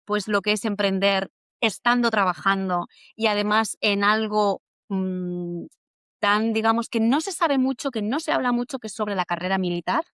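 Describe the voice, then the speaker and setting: A woman from hosting a podcast interview, chatty and animated as she tells stories. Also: mid-range voice, moderate pace, clear, resonant tone, no echo, clean studio sound. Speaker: podcast host. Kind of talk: casual interview.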